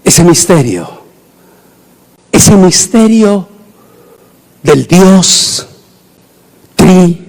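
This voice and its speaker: A middle-aged man, preaching a sermon emphatically and rising into shouted proclamations. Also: high voice, expressive, drawn-out words, pauses often.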